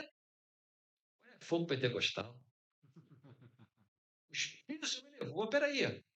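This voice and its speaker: Brazilian man, middle-aged, conversational sermon style, quips and rhetorical asides, voice sits a touch high. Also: pushed and bright. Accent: Brazilian Portuguese. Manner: chatty, joking, peppered with rhetorical questions. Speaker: conference speaker. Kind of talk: informal conference sermon.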